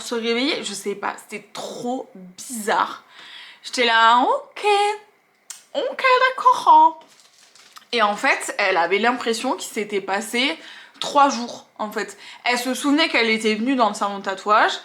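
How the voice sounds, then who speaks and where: A woman tattoo artist telling stories from her work in a vlog, acting out the scenes and the things people said as she goes. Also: on the high side. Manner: animated, acts out scenes and quotes. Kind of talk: storytelling vlog.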